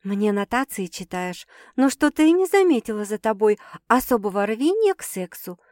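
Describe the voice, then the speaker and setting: A woman's voice: mid-range voice, big pitch swings, normal speed, a little mellow, dry recording, lightly acted. Woman voicing a grumpy young woman. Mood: sour. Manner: grumpy, dry, sulky. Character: grumbling young woman, new at a city job. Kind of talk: audiobook character voice.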